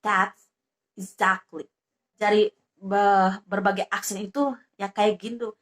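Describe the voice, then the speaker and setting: A woman's voice: medium pitch, steady tone, takes it slowly, a bit bright. A woman vlogger giving casual tips to her viewers, talking chattily with many hesitant fillers and restarts. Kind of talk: casual tutorial talk to camera.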